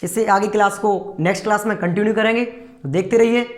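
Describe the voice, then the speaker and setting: A man's voice: high-pitched, steady tone, brisk, roomy sound. A man teaching a grammar lesson, explaining step by step and asking his students rhetorical questions. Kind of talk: classroom lecture.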